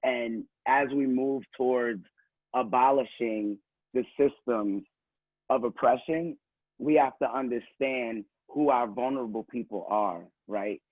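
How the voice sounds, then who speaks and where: A man's voice: mid-range voice, a little slow, no echo. A man speaking on a video call as communications director, nervous and giggly but earnest. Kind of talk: casual online panel talk. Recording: tinny phone-like audio.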